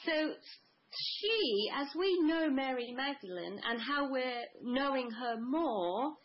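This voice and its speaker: A woman's voice: sits high, expressive, slow pace, muffled recording. A woman guest in a spiritual conversation, speaking in a flowing, mystical way, piling up long lists.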